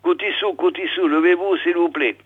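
A man voicing a poor, simple-minded village man who talks through his nose, high and pleading. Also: steady tone, moderate pace, slightly rough. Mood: calling. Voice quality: nasal. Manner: high plaintive calling. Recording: tinny phone-like old recording.

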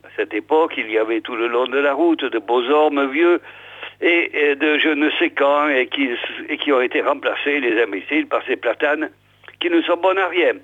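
A man's voice: mid-range voice, normal speed. Man telling a folksy tale over a phone-like line. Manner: chatty, addresses listeners directly. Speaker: storyteller. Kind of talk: folksy oral storytelling. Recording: tinny phone-like old recording.

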